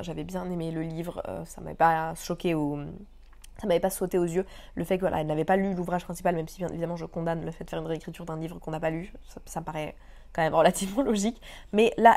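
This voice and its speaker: A woman's voice: lowish voice, dark tone. A young woman chatting casually about upcoming books, enthusiastic and chatty, with frequent fillers and English book terms mixed in. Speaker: book vlogger. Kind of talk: casual chat.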